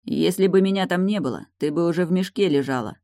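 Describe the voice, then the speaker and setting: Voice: mid-range voice, fast talker, darkish tone, no echo, pitched above the performer's own voice, lightly acted. An insistent, frustrated man who pushes and pleads by turns, read out by an audiobook narrator. The voice stays close to the reader's own level, in a dry, close recording. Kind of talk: audiobook dialogue reading.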